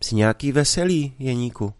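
A man's voice: mid-range voice, lively intonation, no echo, studio quality, lightly acted. A man reading a story aloud, voicing a proud young village woman in a raised, reproachful voice. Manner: reproachful, indignant.

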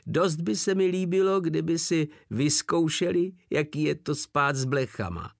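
A man voicing a loud, crude male soldier who jeers and shouts his threats in a raised, coarse voice. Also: a little high, vocal fry, no room sound, studio quality, pitched above the performer's own voice. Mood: spiteful.

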